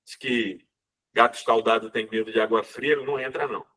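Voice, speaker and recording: A man, a friar preaching a sermon, telling a story in a lively, conversational way. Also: on the low side, brisk. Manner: lively, conversational, asks listeners "né?".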